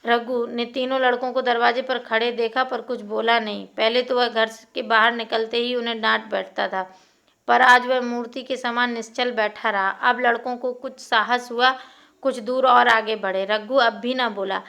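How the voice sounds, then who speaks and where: A woman reading a classic short story aloud in a steady, expressive narration. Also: a little high, normal speed, gravelly.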